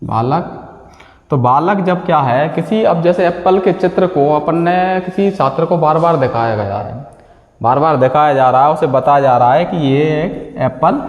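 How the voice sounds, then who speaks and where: A man's voice: fairly high pitch, normal speed, highs cut off. A male teacher giving an exam-prep lecture, often asking a question and then answering it himself with a repeated key word. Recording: echoey room with long reverb.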